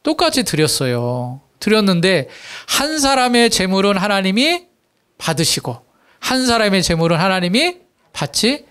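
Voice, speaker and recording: A male pastor delivering a Sunday sermon, his voice sitting a little higher than most men's. He reads scripture aloud and presses his listeners with emphatic rhetorical questions. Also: big pitch swings, normal speed, a bit bright, clear, resonant tone.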